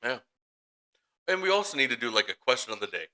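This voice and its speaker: On a laid-back podcast he hosts with his brother, this man rambles through stories, laughs often and imitates voices from his anecdotes. He talks fast in a medium-pitched, pushed, bright voice and is very animated.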